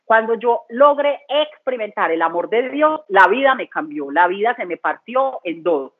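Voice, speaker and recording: A woman's voice: on the high side, animated, moderate pace, husky. A woman giving an earnest, conversational church testimony, repeating phrases for emphasis. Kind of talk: testimony talk. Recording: tinny phone-line sound.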